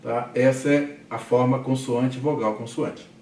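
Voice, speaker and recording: Um homem com sotaque brasileiro dando aula em sala, falando com paciência e repetindo termos devagar, sempre perguntando "tá?". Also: male voice, medium pitch, fairly even intonation, a little mellow, slight background noise. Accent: Brazilian Portuguese. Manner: patient, repeats terms slowly, asks "tá?" often. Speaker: teacher. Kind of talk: classroom lecture. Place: classroom. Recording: echoey classroom from a distance.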